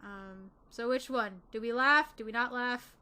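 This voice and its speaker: Brief: a chatty woman narrating a dating game, bright and a little high. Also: a little slow, smooth. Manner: giggly, chatty. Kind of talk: reading a dating sim aloud with commentary.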